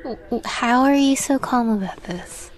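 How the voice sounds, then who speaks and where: Nervous and hesitant, a woman performs as a shy young catgirl roommate in intimate audio roleplay, halting yet with a playful streak and often nearly whispering. Her natural voice is on the high side.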